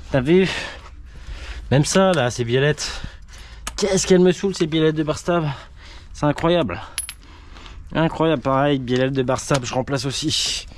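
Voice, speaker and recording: A man's voice: a little high, a little slow, long pauses. A man casually commenting in slangy, chatty talk to his viewers while he repairs a car in a workshop. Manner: slangy, chatty, talks to viewers mid-task. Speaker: amateur mechanic vlogger. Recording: noisy workshop with tool clicks.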